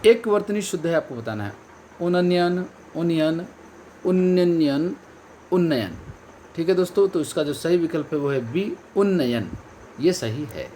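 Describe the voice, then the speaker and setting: A man's voice: fairly high pitch, animated, a little slow, mellow, slight background noise. A male coaching teacher giving an online exam-prep lesson, stressing each key word and repeating the correct answer. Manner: addresses viewers as friends and companions.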